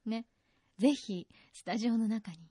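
A woman's voice: a little high, moderate pace, warm tone, no room sound. A woman co-hosting a radio podcast in a studio, chatting casually and teasing with frequent laughter. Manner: playful, teasing, laughs often.

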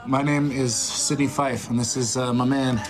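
A man's voice: mid-range voice, fairly even intonation, normal speed, lightly acted. A man playing a brash, oblivious, overfamiliar rock superfan in a film comedy, with a casual, pushy way of talking. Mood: breezy, eager. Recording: faint music under film dialogue.

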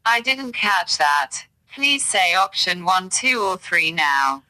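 Bright, stilted woman playing a female voice assistant. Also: on the low side, slow, heavily acted, low-quality recording. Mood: stiffly polite. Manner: stilted, formal, deadpan. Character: fed-up, insulting female AI voice assistant. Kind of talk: automated menu announcements.

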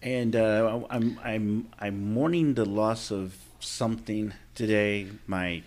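A man's voice: on the low side, fairly even intonation, slow pace, a little mellow. A man hosting a casual podcast in an informal, slangy way, with a slight whistle from a missing front tooth. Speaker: podcast host.

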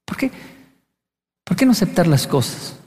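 Man, motivational speaker, high voice, acts out his stories, recorded with echo in a large hall. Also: normal speed. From Latin America. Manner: animated storyteller acting out quotes. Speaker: speaker on leadership. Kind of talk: motivational talk. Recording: long hall reverb.

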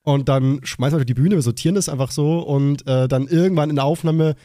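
A man's voice: a little high, fairly quick, no echo, studio quality. A young man co-hosting a casual podcast, telling stories animatedly and acting out quotes with bursts of laughter. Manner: animated storyteller, acts out quotes with big laughs. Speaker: podcast co-host.

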